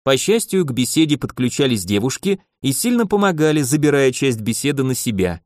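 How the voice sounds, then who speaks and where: In clean studio sound free of echo, a male audiobook narrator with a medium-pitched voice works through a novel's script. His storytelling stays even and measured.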